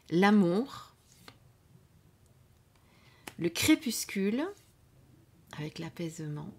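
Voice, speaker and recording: A woman presenting an oracle deck in a casual review at home. Her voice sits in a middle pitch and is gentle and unhurried, with many small fillers. Lines often trail off to a near whisper. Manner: unhurried, with frequent "hein" and "euh" fillers. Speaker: card reading channel host. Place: indoors at home under studio lights.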